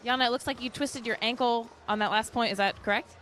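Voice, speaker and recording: A woman's voice: fairly high pitch, steady tone, fast talker, fairly bright tone, a little hiss or hum. A woman working as a sideline reporter, asking players friendly questions courtside. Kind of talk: courtside interview.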